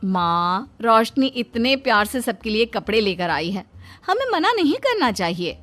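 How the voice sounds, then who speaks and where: A woman's voice: a little high, very animated, a little slow, fairly bright tone, a little hiss or hum. A woman voicing a sly, teasing elder sister-in-law who schemes sweetly in a cartoon story. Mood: sly cheerful.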